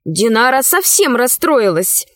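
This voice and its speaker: A woman narrating a children's story in an expressive, sing-song storytelling manner. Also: a little high, unhurried, dry recording, clean studio sound.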